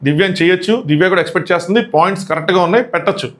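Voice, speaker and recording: Young man, show reviewer, casual commentary, high voice, very fast talk, English words mixed in. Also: fairly bright tone. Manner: rapid, chatty, mixes English words into his talk. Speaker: YouTube show reviewer and host.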